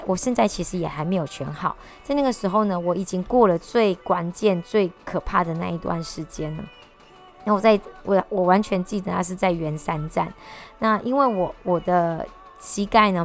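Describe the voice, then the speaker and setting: A woman telling a personal story to camera in a casual, animated way, often restarting and repeating words. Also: lowish voice. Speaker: vlogger.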